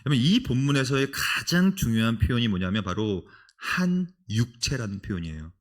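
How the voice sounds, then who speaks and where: Middle-aged man, church retreat lecturer, sermon-style talk, lively rising and falling pitch, sudden emphatic outbursts. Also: normal speed. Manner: animated storytelling with sudden emphatic high bursts; engages the audience with direct address and questions.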